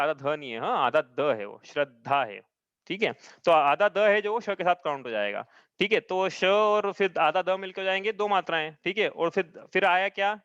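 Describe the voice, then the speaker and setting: A man's voice: a little high, a bit bright, smooth, no echo, highs cut off. A man teaching a live class, patiently explaining each step and often checking that his students follow. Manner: chants verses slowly. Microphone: own mic, audio only.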